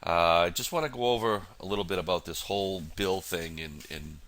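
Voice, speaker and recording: Low-voiced man with a stuffy nose. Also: fairly quick, fairly bright tone. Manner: rambling, many fillers and restarts. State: has a cold, nasal voice. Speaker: futures trader. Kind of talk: casual market analysis walkthrough.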